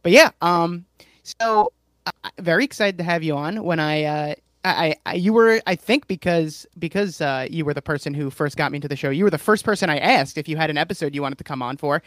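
A man's voice: fairly high pitch, a little fast, fairly bright tone, no room sound. Dry, close-sounding male podcast host. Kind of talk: casual chat.

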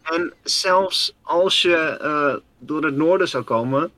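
Bright, dry-voiced Dutch-speaking man telling history. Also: on the high side, takes it slowly, no room sound. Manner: rambling, many fillers, keeps addressing his co-host by name. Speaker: podcast co-host telling history. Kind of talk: casual storytelling chat.

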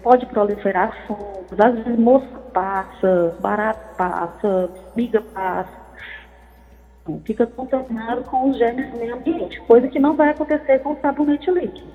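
A woman's voice: a little high, normal speed, soft background music. A woman gynecologist giving medical advice over the phone on a call-in radio show, explaining things step by step. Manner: explanatory, frequent tag questions. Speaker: gynecologist guest. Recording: tinny phone line with reverb.

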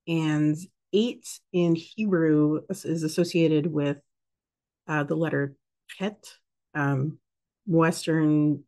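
An American woman with a deep, slightly mellow voice hosts a casual spiritual talk. She rambles, with many fillers and restarts.

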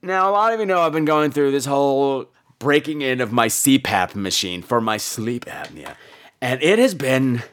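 Here a U.S. podcaster recounts humorous personal anecdotes with campy, theatrical exaggeration and blunt profanity. He speaks at normal speed in a mid-range, fairly bright voice with lively intonation.

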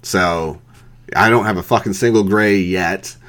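A podcast host in his thirties mocks someone bluntly in a profane rant, swearing heavily and laughing. His low voice is a bit bright and moves at a measured pace.

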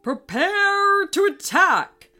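A woman voicing a blustering, furious male duck king who roars and shouts insults. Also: fairly high pitch, sing-song, very slow, soft background music, full character voice.

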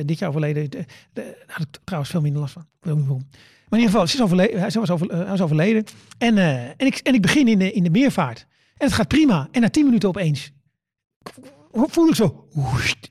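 A middle-aged male stand-up comedian chats casually, telling stories in a voice that sits high with a darkish tone. He stammers, restarts, repeats words, and acts out his own quoted lines. The recording is dry and studio quality.

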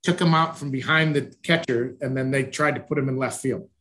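Speaking from home on a video call, this man from the northwest suburbs of Chicago is a coach being interviewed casually. He's friendly but hesitant, restarting often, and his mid-range voice comes across brisk and a bit bright.

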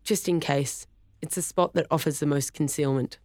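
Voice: medium pitch, steady tone, normal speed, a little mellow, no echo, natural voice. A narrator voicing an earnest, protective young woman who explains things plainly, in a dry recording.

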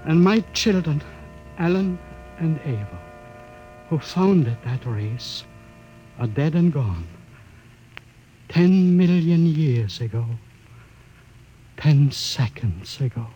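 Grave, slow-spoken old scientist. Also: male voice, fairly high pitch, big pitch swings, mellow, highs cut off. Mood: grieving. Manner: grave, deliberate, dramatic pauses. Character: grieving elderly scientist father, solemn and explanatory. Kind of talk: 1950s radio acting. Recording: hissy old radio broadcast disc.

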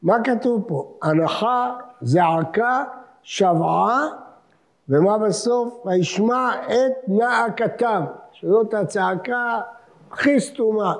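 A man gives a rabbinic talk. He explains old texts and quotes verses, and his emphasis rises as he reads them. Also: high voice. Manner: expounding texts, quoting verses with rising emphasis. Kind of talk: Torah lecture before Selichot.

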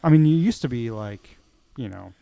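A man co-hosting a podcast in casual chat, talking haltingly with many restarts. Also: mid-range voice, expressive, vocal fry, mellow, dry recording. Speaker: podcast co-host.

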